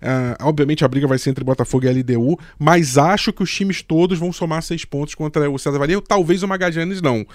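Man, sports podcast panelist, quick talk, slightly high voice, animated restarts. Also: no room sound, studio quality. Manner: rapid, animated, hesitant restarts. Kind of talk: casual sports podcast chat.

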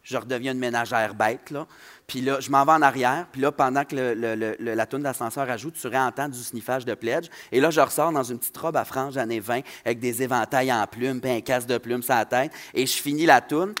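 A man with a Saguenay Quebec French accent, a drag performer telling stories as a guest in animated, swearing casual talk. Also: medium pitch. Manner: animated, swearing, quick laughter. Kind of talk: casual podcast storytelling.

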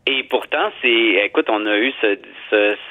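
A man's voice: on the low side, a little slow. A man with a Québécois accent, a theatre director being interviewed, talking thoughtfully with many restarts and fillers. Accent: Québécois French. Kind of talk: radio interview. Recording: tinny phone line.

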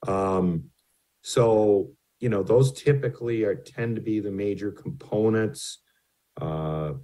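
With a low-pitched, slightly mellow voice, a man presents financial slides to a city council as its utility rate consultant. He mentions that his voice carries, and his delivery stumbles along with ums and false starts.

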